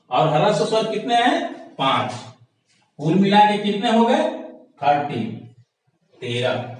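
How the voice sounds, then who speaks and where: A teacher with a high voice in a very echoey room. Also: male voice, recorded from a distance. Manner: explains step by step, asks questions and answers them himself. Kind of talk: classroom lesson.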